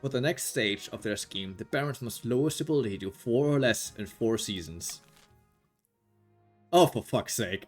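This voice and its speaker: A man's voice: mid-range voice, lively intonation, a little fast, few pauses, soft background music. A man narrating a board game on a live stream, with dry, wry delivery. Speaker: game storyteller.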